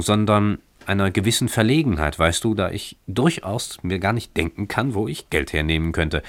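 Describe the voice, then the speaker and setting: A jovial young husband bubbling over with high spirits, his deep voice pushed a little upward into mock-grand declaiming, as a male reader voices him in a radio story. The sound is close and dry. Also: no echo. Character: cheerful, playful young husband in poverty.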